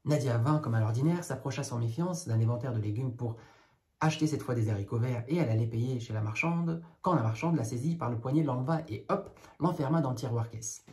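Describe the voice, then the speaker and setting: A man with a mellow, mid-range voice reads a children's tale a little fast. He breaks off now and then for casual, wry, jokey asides.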